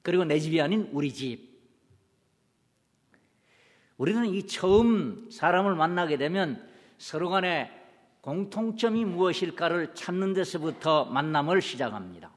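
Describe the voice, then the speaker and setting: A man's voice: a little high, expressive, measured pace, pauses often, big-room sound. A man preaching a sermon. He asks the congregation rhetorical questions, answers them himself, and acts out little everyday dialogues. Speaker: pastor.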